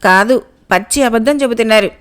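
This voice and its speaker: A woman's voice: fairly high pitch, fairly quick, clean tone, natural voice. Woman doing a proud storybook king. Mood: indignant. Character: vain male king, loud then humbled.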